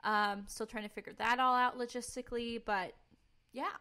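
Bright, forceful and smooth, a young woman's fairly high voice carries her long, talkative stretches as a podcast co-host. She speaks casually and emphatically with a commanding presence, at a moderate pace with fairly even intonation, offering personal testimony and chat.

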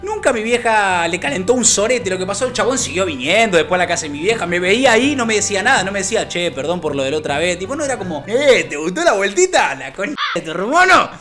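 A man's voice: sits high, very fast, few pauses. A young man with an Argentine accent, telling a casual anecdote and acting out the voices in it. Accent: Argentine Rioplatense. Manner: animated, acts out voices, laughs often. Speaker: storyteller.

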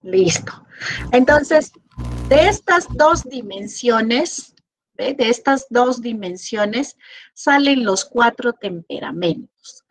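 A middle-aged woman with a Peruvian Spanish accent, giving an online class lecture in an animated way. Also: on the high side, slow pace, no echo, poor audio. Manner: animated, acts out quoted people with lively voices. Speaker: teacher.

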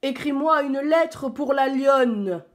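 A woman voicing a proud, bossy male lion who shouts in outrage in a storybook reading. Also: high voice, takes it slowly, voice pushed up. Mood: commanding.

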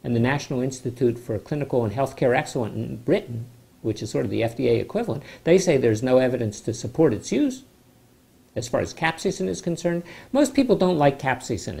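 Gravelly older man explaining medicine. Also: medium pitch, warm tone. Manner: measured, explanatory, slightly skeptical. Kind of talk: informal health explainer to camera. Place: home study with bookshelves, indoors.

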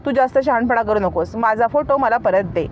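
A woman's voice: a little high, lively intonation, brisk, muffled recording, close to an everyday voice. A woman voicing a proud, vengeful young woman who speaks defiantly and bitterly, in a retold serial story.

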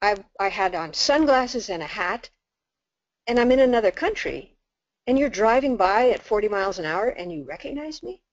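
An older woman, a nun, telling a story in a talk as an animated storyteller who acts out the dialogue. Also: fairly high pitch, moderate pace, dry recording. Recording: dull lo-fi dry recording.

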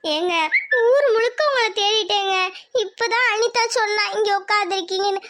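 Performer as a fretful village wife in a cartoon, squeaky high voice, coaxing. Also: moderate pace, pushed and bright. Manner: coaxing, scolding. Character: worried village wife and mother.

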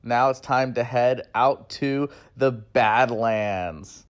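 A young man with a mid-range voice takes his time speaking in a casual road-trip vlog with voice-over. He's enthusiastic and easygoing, filming on a phone at arm's length outdoors on open land, where the wind blows in the background.

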